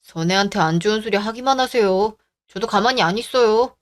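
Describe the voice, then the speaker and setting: A man's voice: high-pitched, a little fast, close to an everyday voice. Man playing a young husband, firm, reasoning, radio drama. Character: firm young husband who defends his wife. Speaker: husband and son.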